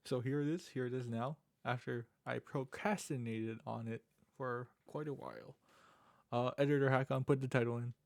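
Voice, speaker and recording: A man with a slushy lisp and slightly slurred words, talking casually and haltingly as he introduces himself in a vlog, often repeating phrases. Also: medium pitch, steady tone, creaky. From Canada. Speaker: content creator and streamer.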